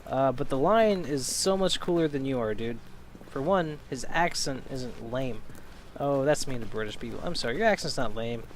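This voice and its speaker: A man's voice: mid-range voice, expressive, moderate pace, slight background noise. A man streaming a video game and giving casual commentary, joking and heckling the game as he plays.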